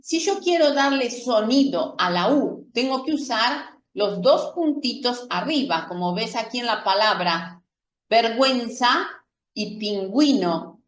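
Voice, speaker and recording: A woman teaching a careful lesson, speaking slowly in a fairly high voice. She repeats example words patiently and keeps checking that her students follow. The mic sits some way off in a roomy, echoing space. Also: animated. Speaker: Spanish teacher. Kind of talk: slow, careful classroom explanation. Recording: echoey room from a distant mic.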